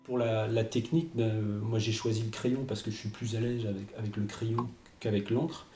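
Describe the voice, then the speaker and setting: A man, a comic book artist, answering interview questions in a hesitant way, repeating words and pausing with fillers. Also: lowish voice, flat delivery, mellow, soft background music. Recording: roomy echo, faint noise.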